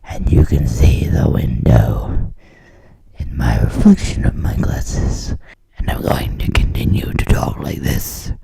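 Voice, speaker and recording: A woman's voice: a bass voice, takes it slowly, creaky, mellow, slightly rough, dry recording, pitched below the performer's own voice, exaggerated voice. Woman doing a creepy close-mic whisper. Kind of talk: whispered role-play.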